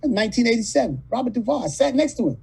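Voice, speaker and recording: A man in his late fifties from California, telling rough, profane stories as a guest in a casual interview. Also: very high-pitched, big pitch swings, racing, darkish tone, low-quality recording. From California, USA. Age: 50s. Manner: profane, rambling, street-talking storyteller. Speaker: actor guest.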